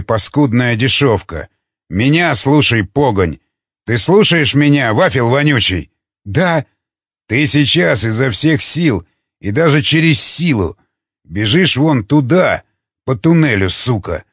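A brutal, enraged hunter snarls crude threats at his men, as a male audiobook narrator puts him on. The voice swings widely in pitch from low hisses to sharp barks. It sounds dry and a little dull, with no room around it. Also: expressive, takes it slowly, slightly rough, dry recording, heavily acted. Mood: menacing.

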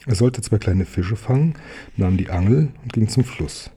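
Dark, husky male storybook reader. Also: fairly low pitch, lively intonation, normal speed. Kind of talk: children's story read aloud.

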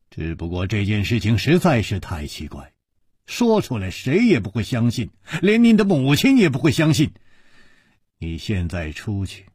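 A man voicing a calm, gentle, worldly male hero who speaks softly and evenly in a storybook reading. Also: on the low side, husky, no room sound, clean studio sound, full character voice. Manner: soft, measured speech.

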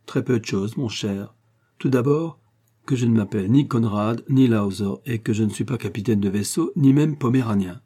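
A man voicing a suave, cunning gentleman-thief baron with a smooth, commanding and ironic manner in an audiobook reading. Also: fairly low pitch, moderate pace. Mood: ironic, confident.

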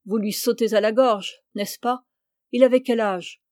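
Sharp, questioning villager, woman reader; dry close sound. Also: a little high, steady tone, unhurried, no echo, lightly acted. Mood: probing. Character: probing male villager questioning the warden.

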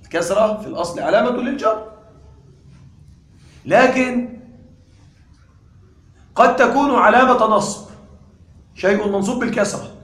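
A man teaching a grammar class, quizzing his students with frequent questions and repeating key points deliberately. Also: high voice, lively intonation, fairly bright tone, echoey room. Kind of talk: classroom lecture.

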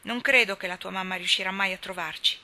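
A bold, imaginative little girl with no patience, put on by a woman reading aloud. The voice is bright and sharp, bossy and excitable. She orders her companion around and flares up quickly. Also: medium pitch.

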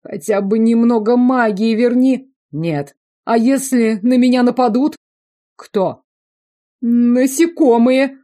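A woman voicing a whiny, cowardly young nobleman from a fantasy audiobook, whining in shrill protests. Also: takes it slowly, dark tone.

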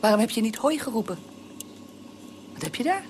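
A shrill, nagging wife. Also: female voice, sing-song, fairly quick, darkish tone, a little hiss or hum. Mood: angry scolding. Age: middle-aged. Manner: shrill, scolding, repeats herself. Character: fierce nagging middle-aged wife. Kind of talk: radio drama acting.

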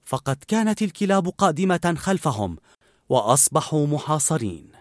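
A man narrating a storybook in an expressive, animated reading. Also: fairly high pitch, normal speed, no room sound, clean studio sound.

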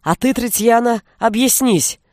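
A woman's voice: a little high, a little slow, a little mellow, no echo, studio quality, voice pushed up, close to an everyday voice. A woman reading an audiobook, voicing a fierce, defiant young forest witch who speaks with an angry, raised voice. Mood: furious.

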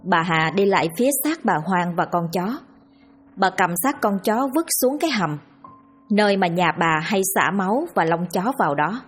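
A woman narrating a scripted horror story in a steady, grim, dramatic manner. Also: medium pitch, normal speed, faint music behind.

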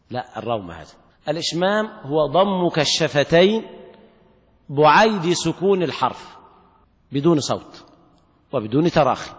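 A man teaching the rules of Quran recitation in a classroom lecture. He asks the class questions and slowly draws out words to demonstrate them. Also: on the high side, fairly bright tone. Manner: slow, drawn-out demonstrations of recitation. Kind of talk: classroom lecture explaining a text. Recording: long reverb of a large hall.

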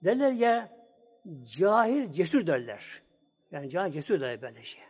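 A man's voice: high-pitched, sing-song, moderate pace, darkish tone, breathy edge. A man preaching a sermon, acting out the voices of the people in his story and speaking to his congregation. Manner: dramatic, acts out voices in stories; addresses the congregation.

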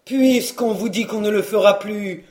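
Man doing a loud rustic manservant. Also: on the high side, lively intonation, normal speed, pitched below the performer's own voice, close to an everyday voice. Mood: grumbling. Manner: loud exclamations and peasant oaths. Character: loud rustic Breton manservant, clumsy and devoted. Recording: roomy echo.

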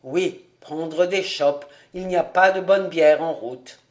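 An amateur audiobook reader voicing a reserved young bachelor who answers quietly and briefly. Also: mid-range voice, slow pace, lightly acted. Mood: calm. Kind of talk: audiobook character reading.

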